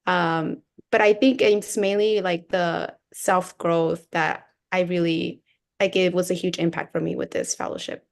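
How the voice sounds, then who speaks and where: A woman's voice: fairly low pitch, flat delivery, a little slow, gravelly. A young woman from Southern California, a guest on a radio talk show, speaking earnestly with many filler words. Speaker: guest, program fellow. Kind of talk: casual interview.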